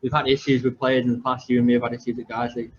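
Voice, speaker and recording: A man in his 20s talks very fast in a level, medium-pitched voice, with a little hiss or hum and a slightly muffled quality on the recording. He coaches football and hosts a chatty podcast, where he rambles through stories with lots of fillers and restarts.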